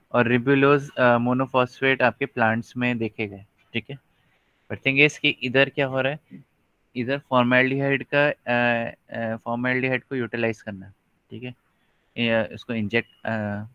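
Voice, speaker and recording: A man teaching a college biology lecture, pausing often with fillers and checking that students follow. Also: medium pitch, a bit bright, dry recording. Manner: slow, hesitant, many fillers, checks understanding often. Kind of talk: live online lecture in Hindi-English mix. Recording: dry, dull lo-fi mic.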